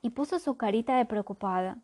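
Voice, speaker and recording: A woman reading a children's adventure story aloud in an expressive storytelling manner. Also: fairly high pitch, fairly quick. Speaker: narrator.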